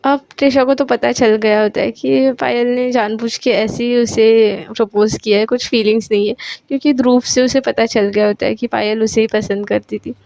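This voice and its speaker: A woman's voice: fairly high pitch, fairly even intonation, moderate pace, gravelly, few pauses, darkish tone, no echo, lo-fi sound. A woman casually narrating a romantic story, chatty and mixing in English words, correcting herself as she goes.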